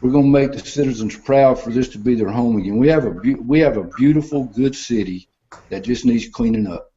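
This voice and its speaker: A man's voice: mid-range voice, fairly quick, mellow, muffled recording. An older man, a mayoral candidate on a video call, answering a forum question with plainspoken, repeated pledges.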